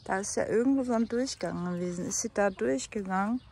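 A woman's voice: medium pitch, fairly quick, creaky, a little mellow, breathy edge. A German woman vlogging casually from her rural home, chatting with many fillers and sometimes dropping to a whisper. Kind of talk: casual vlog monologue. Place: rural house and yard in the country.

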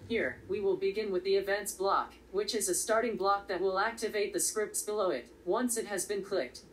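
A woman presenting a step-by-step coding tutorial in a steady, explanatory way. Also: mid-range voice, normal speed. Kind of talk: step-by-step software tutorial narration. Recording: slightly distant voice with faint background noise.

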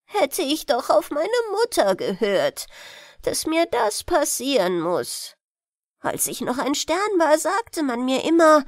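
A woman voicing a tiny doomed beetle, once a star, who laments and pleads in a slow, lively high voice from a bedtime storybook. The sound is close and dry. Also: no room sound, full character voice. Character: dying little beetle, once a star, male, plaintive.

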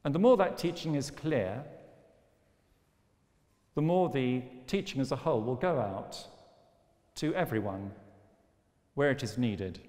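A man's voice: medium pitch, expressive, a little slow, long pauses, darkish tone. A man lecturing on philosophy in a wry, storytelling manner. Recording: long hall reverb.

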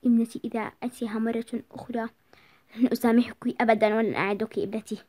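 A woman's voice: fairly high pitch, little pitch movement, quick pace, dark tone, lightly acted. A woman voicing a stern, worried father who scolds his daughter with anxious questions. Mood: pleading.

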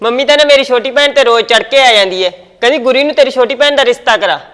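Fast-talking Punjabi woman, high voice. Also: fairly bright tone. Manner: quick, argumentative and defensive. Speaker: daughter-in-law in a family skit. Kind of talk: Punjabi village family skit.

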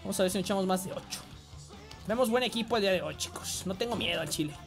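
A man with a Mexican accent giving excitable live gameplay commentary, swearing and often yelling. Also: sits high, rapid-fire, over music. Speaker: game streamer.

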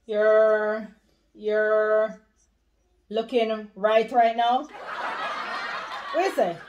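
A woman's voice: mid-range voice, fairly even intonation, extremely slow, muffled recording. A woman in her thirties with a Jamaican accent, chatting casually and playfully in a challenge game at home. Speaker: couple vlogger playing a challenge game. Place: home room, indoors.

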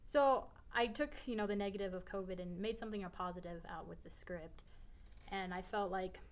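A woman explains her stage design in a loose, everyday way. She leans on fillers as she talks through her ideas. Her voice sits at a middle pitch. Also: brisk. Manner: casual, filler-heavy. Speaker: scenic designer. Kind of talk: casual explanation.

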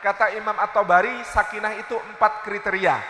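Man, preacher, sermon, high voice, playful storytelling, mosque hall echo. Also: fairly quick. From Indonesia. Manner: lively, playful storytelling with asides to the audience. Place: large mosque. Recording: echoey hall reverb.

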